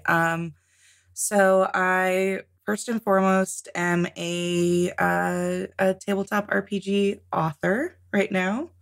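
A woman's voice: fairly low pitch, vocal fry. A woman guest in a casual interview, talking about tabletop games, chatty with frequent laughs and ums. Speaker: podcast guest, tabletop game author.

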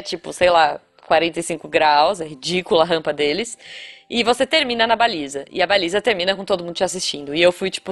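A woman from Brazil, a podcast co-host in casual chat, telling a story and acting out the people in it. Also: on the low side. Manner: animated storyteller, acts out shouted quotes.

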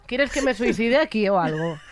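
A woman's voice: on the high side, lively intonation, normal speed, background noise. A woman hosting a casual chat, joking and teasing her guests. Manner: jokey, teasing. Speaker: host.

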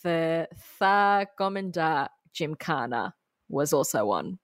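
A woman with an Australian accent co-hosts a podcast, telling a story in a chatty, giggly way. Her voice sits fairly low. The recording is dry and close, with no room sound. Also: big pitch swings, takes it slowly, dry recording. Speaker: podcast co-host. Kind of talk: casual chat.

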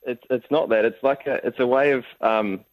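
A man's voice: medium pitch, fairly even intonation, moderate pace, no room sound, narrow, tinny audio. A man with a broad New Zealand accent chatting casually as a radio guest, explaining things in a laid-back, slangy way. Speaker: guest comedian.

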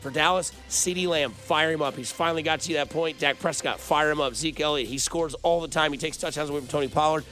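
A male sports radio host talking fantasy football picks in an animated, opinionated way, chatting directly with listeners. He speaks from a studio microphone with his voice pitched a bit high, and faint music sits underneath. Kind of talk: fantasy football advice show.

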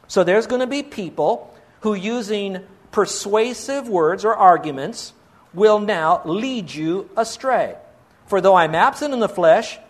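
A male pastor with a notably high voice delivers a sermon. He pleads earnestly and leans on rhetorical questions to press his point.

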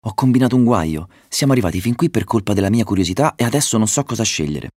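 A man voicing a curious, adventurous male carp who talks excitably in a storybook reading. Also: on the low side, fast, dry recording, studio quality. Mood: excited. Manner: excitable, exclaiming.

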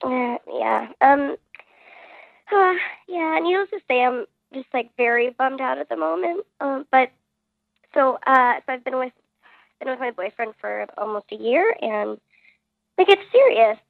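A woman in her thirties calls in to a radio show with her voice run through a voice changer, talking in a hesitant, halting way. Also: high-pitched, expressive, gravelly, dry recording. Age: 30s. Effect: voice changer disguising her voice. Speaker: caller. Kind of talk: radio call-in. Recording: tinny phone line.

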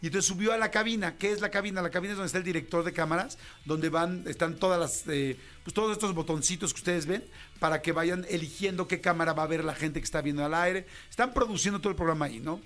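A man's voice: fairly high pitch, fast talker, fairly bright tone. A Mexican man in his fifties, a radio host animatedly telling a slangy story about his first job and acting out the voices in it. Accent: Mexican Spanish. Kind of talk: casual storytelling.

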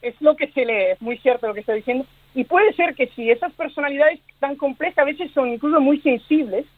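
High-voiced Italian man on a phone line. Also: a little fast, dry recording. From Italy. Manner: thoughtful, hedging, many restarts. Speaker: guest author. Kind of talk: casual radio interview.

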